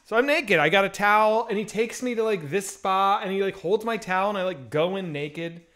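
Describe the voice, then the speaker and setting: A man in his thirties hosts a casual video-call chat from a home room lined with bookshelves. He talks fairly quickly in a high voice through a headset mic, telling crude stories with lots of animated energy in his podcast-host style.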